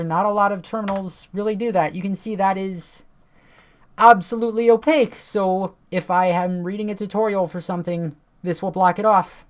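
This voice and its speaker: This tech video creator sounds worn out as she talks through software on her computer, reading on-screen text along the way. Her voice is mid-range, and her casual chatter includes some swearing.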